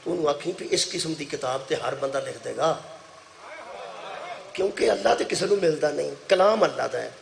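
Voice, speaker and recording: A middle-aged man with a Punjabi accent delivers a sermon to a gathered audience, his somewhat high voice roughened by a gravelly edge. He tells a story, rising into loud declaiming and dropping into soft asides, repeating lines for emphasis. Faint room ambience sits behind him. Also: expressive, slight background noise. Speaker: Shia cleric preaching at a majlis. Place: religious gathering before an audience.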